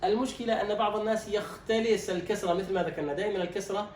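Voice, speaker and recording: A man teaching Quran recitation, quizzing his student and drawing out words slowly to demonstrate them. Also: sits high, darkish tone. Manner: instructive, quizzes and demonstrates slow drawn-out words. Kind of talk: recitation lesson, correcting a student. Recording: roomy echo, distant mic, faint noise.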